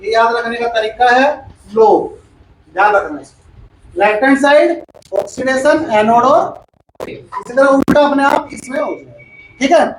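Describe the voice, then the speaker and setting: A man's voice: extremely high pitch, unhurried, pauses often, a little hiss or hum. A male chemistry teacher gives a classroom lecture. He repeats each point and quizzes the class as he goes. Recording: echoey room, far from the mic.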